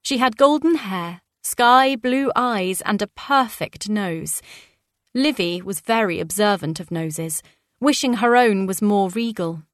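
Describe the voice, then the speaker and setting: Woman narrator, slow and measured audiobook reading, dry close sound. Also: medium pitch, expressive, fairly bright tone, no room sound.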